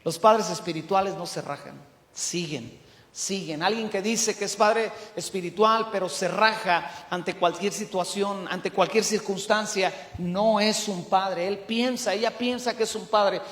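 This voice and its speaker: A middle-aged Mexican man preaching a sermon as pastor, emphatic, swinging from loud to hushed. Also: high voice, measured pace. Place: church hall. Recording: echoey church hall.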